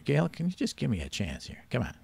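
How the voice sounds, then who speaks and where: A man's voice: mid-range voice, wildly swooping pitch, fast talker, gravelly, a little mellow. A man hosting a radio quiz show, teasing the caller with dry wisecracks. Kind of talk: joking quiz banter.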